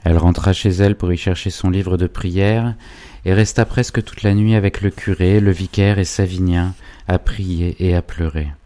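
A man narrating a classic novel in a measured, even literary reading. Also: sits low, no room sound. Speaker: audiobook narrator.

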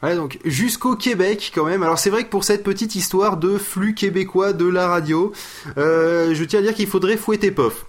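A man hosting a casual podcast, hesitant and quick to laugh. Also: sits high. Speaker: host.

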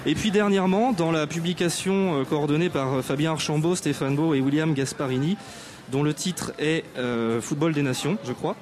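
Amid crowd noise, a radio host with a slightly high voice speaks at normal speed on an outdoor stage at an arts venue. He welcomes guests to his live show with formal, playfully grand introductions and frequent pauses.

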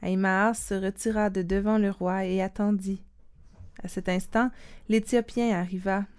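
Woman, Bible story reading, calm and steady, smooth resonant voice. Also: medium pitch, normal speed.

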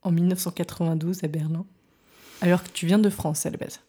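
Woman host, low husky voice, mellow tone, curious casual questions. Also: steady tone, a little fast. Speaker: interviewer, host.

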